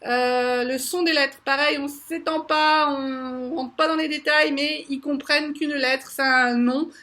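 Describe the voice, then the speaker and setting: A woman teacher with a high, bright-sounding voice explains letter sounds to parents. She is animated and drags out each sound several times in a row. Her tone stays patient and instructive. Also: unhurried. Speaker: preschool teacher.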